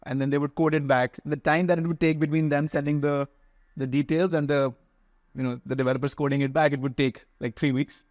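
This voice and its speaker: A man's voice: a little high, little pitch movement, a little fast, a little mellow, dry recording, muffled recording. A young man from India with an educated Indian accent, giving informal, explanatory answers as an interview guest.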